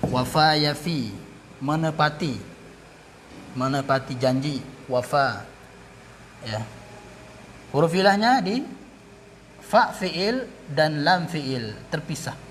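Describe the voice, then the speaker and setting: A man teaching Arabic grammar in a classroom lesson, repeating each term and pausing to correct himself. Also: a little high, animated, slight background noise.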